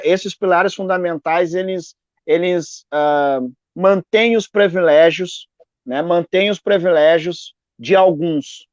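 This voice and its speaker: A man's voice: on the high side, darkish tone, dry recording. A man speaking earnestly as a guest on a live video interview from home, often repeating words and tagging "né?". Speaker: activist guest. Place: home in a neighbourhood. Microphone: video call. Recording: dull lo-fi stream audio.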